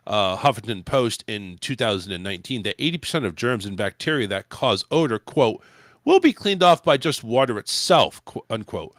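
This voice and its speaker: A man's voice: mid-range voice, a bit bright, no room sound, studio quality. A man hosting a casual comedy podcast, crude and profane, rambling through celebrity gossip. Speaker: podcast host. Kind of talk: casual comedic chat, recapping celebrity news. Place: home studio in Florida.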